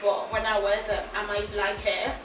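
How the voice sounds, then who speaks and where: Speaking at a normal speed with a medium pitch and flat delivery, this young Nigerian fashion vlogger giggles casually through a try-on haul of clothes, restarting as she thinks aloud in her Nigerian accent. Music plays in the background of an echoey room, and the mic sits at a distance.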